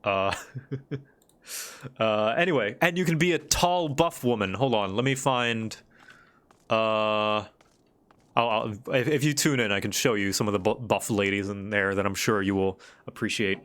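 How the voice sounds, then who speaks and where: A man's voice: lowish voice, measured pace, fairly bright tone, clean tone. A man live-streaming a game, chatting casually with rambling, playful asides.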